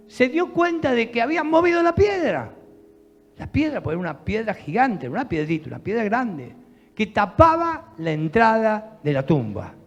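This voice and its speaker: A man's voice: high voice, creaky, big-room sound. A male pastor with a Rioplatense Spanish accent, preaching a sermon and retelling a story with jokes and asides to the congregation.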